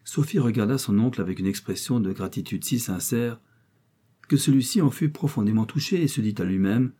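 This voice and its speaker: A man narrating a classic novel in a measured, steady storytelling voice. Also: mid-range voice, breathy edge. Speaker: audiobook narrator.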